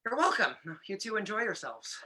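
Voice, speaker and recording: A woman's voice: medium pitch, big pitch swings, fairly quick, pushed and bright, slightly rough, exaggerated voice. A woman reading the part of a polite, chatty young server in a live play reading. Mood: friendly. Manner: polite, chatty, slightly hesitant.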